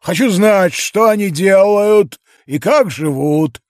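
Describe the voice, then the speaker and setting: A bewildered, lonely giant, put on by a male audiobook reader asks his questions slowly and plaintively. The voice sits higher and louder than the reader's own. The recording is dry and close. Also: lively intonation, no room sound.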